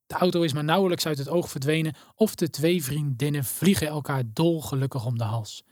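A woman narrating a scripted children's story in an expressive read-aloud manner. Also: deep voice, fairly quick, no echo, studio quality.

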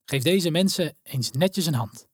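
A woman playing a kind old-fashioned pastor, calm, lower and slower, slightly breathy, dry sound. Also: no echo, heavily acted. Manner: calm, friendly and reassuring. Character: kind, gentle male pastor.

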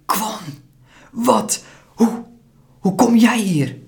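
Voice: mid-range voice, flat delivery, unhurried, a bit bright, pitched above the performer's own voice, close to an everyday voice. Een voorlezer die in een hoorspelverhaal een geschrokken, stamelende jonge jongen speelt. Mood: stunned. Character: frightened, stammering young Korean boy.

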